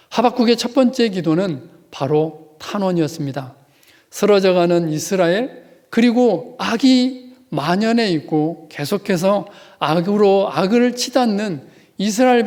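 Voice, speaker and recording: A man's voice: high voice, a little mellow. A man preaching a sermon as pastor, earnest and pleading when he voices prayers. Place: church sanctuary.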